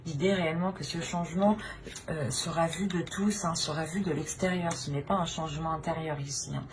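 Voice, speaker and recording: Speaking fairly quickly in a low-pitched voice with fairly even intonation, a tarot reader gives her channel's viewers an unscripted reading. She sounds hesitant, repeats phrases, and often tacks on "hein." Noticeable background noise runs through the clip.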